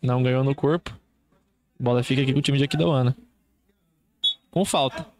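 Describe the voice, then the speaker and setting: A man's voice: mid-range voice, a little fast, a little mellow. A man with a Brazilian accent doing live football play-by-play as a commentator, in short clipped running phrases.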